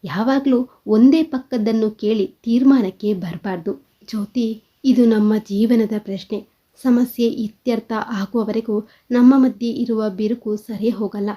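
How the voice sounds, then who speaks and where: A woman's voice: fairly high pitch, fairly even intonation, a little slow, dark tone. A woman voicing an earnest, persuasive young man who pleads and reasons, in a dull lo-fi recording.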